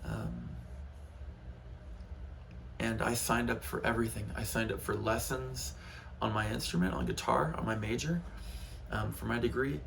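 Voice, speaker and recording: A man's voice: fairly low pitch, moderate pace, creaky, long pauses, background noise. A man in his thirties, a guitar teacher talking frankly and rambling in a casual lesson, heated at times.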